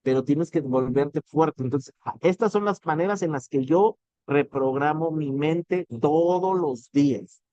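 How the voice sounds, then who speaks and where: Mexican guy doing a preachy motivational talk, kinda high mellow voice, dry dull lo-fi audio. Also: a little slow, no room sound. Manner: earnest, preachy, swears casually, addresses listener directly. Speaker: motivational business speaker.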